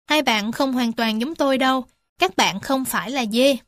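A woman's voice: high-pitched, moderate pace, fairly bright tone, no echo, clean studio sound. A woman voicing a hesitant young goat in a children's storybook, stammering a little. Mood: cheerful.

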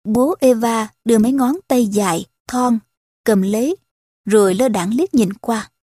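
A woman's voice: fairly high pitch, a little slow, dark tone, dry recording, studio quality. Woman narrating a classic novel. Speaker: audiobook narrator. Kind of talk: storybook narration.

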